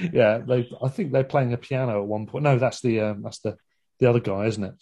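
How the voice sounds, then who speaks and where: A man's voice: mid-range voice, brisk, warm tone. A man in a casual film discussion, telling the plot in a rambling way with many fillers. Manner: rambling, with frequent fillers and laughs.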